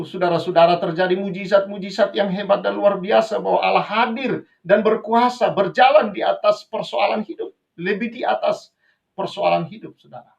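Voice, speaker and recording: A man who is a pastor preaching a sermon, swinging between raised passages and quiet asides, often addressing the congregation as brothers and sisters. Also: high-pitched, vocal fry. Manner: preaches with sudden rises and drops, addresses listeners as brothers and sisters.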